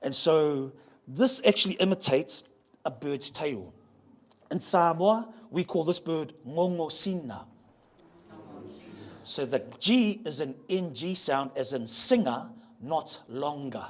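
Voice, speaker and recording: A man with a fairly high voice and lively intonation gives a playful, joking talk to a live audience at a museum venue on ocean voyaging heritage. He spells out how words sound, slowly, and leads the crowd in repeating them.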